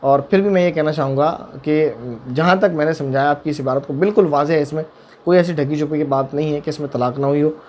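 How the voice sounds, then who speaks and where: A man's voice: on the high side, quick pace, a little mellow, slight background noise. A man, a mufti, answering viewer questions on religious matters, emphatic and repetitive, with pointed rhetorical questions. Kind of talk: religious Q&A talk.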